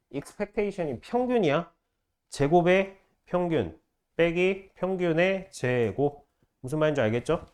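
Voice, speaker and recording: Man, math teacher, classroom lecture, slightly higher voice, keeps quizzing students. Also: darkish tone. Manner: quizzes students with rapid questions, repeats key phrases.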